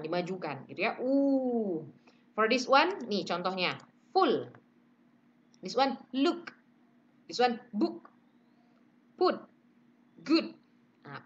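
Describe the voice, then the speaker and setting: A woman's voice: fairly high pitch, a bit bright, dull audio, slight background noise. A woman teaching English pronunciation in a casual online lesson, chatting, mixing in English phrases and modelling sounds.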